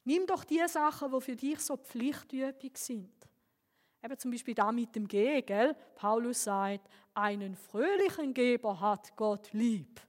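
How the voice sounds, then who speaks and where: A woman's voice: a little high, a little slow. Swiss German woman preaching in a hall. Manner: personal storytelling, earnest and lively. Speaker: pastor. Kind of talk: sermon.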